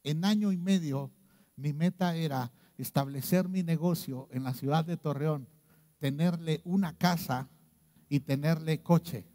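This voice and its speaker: A middle-aged man with a Mexican accent preaching a sermon, swinging between loud outbursts and hushed low lines. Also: unhurried. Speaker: pastor. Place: church. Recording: long reverb of a church hall.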